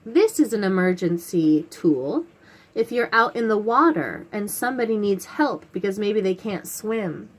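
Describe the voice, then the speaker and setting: Explaining a picture book to young kids, a woman hosts a read-aloud in a medium-pitched voice. Her phrasing is simple and instructive, and she asks the listener questions as she goes.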